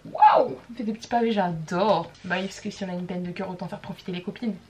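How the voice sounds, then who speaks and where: A woman's voice: lowish voice, steady tone, fast talker, heavy background noise. A young woman, chatting casually in a bubbly, playful vlog and dropping English slang. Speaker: vlogger.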